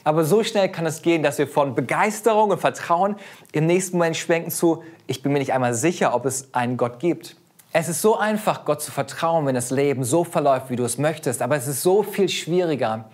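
A pastor in his thirties preaches a sermon earnestly and expressively at a fairly quick pace, his voice rising and falling widely in both pitch and loudness.

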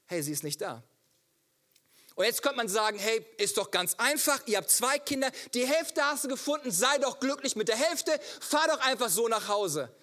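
A man in his thirties preaches to his church, weaving a family story into the sermon. His voice sits very high and sounds bright and forceful. He talks in an animated way and keeps asking rhetorical questions. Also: normal speed, hardly any pauses. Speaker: pastor.

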